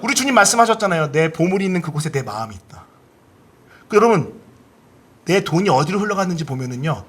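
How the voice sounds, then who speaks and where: A man with a high, husky voice preaches a Sunday sermon in a lively way. He acts out people's inner thoughts with big leaps up and down in pitch. He stops often to have the congregation repeat key phrases back to him. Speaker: pastor. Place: church service.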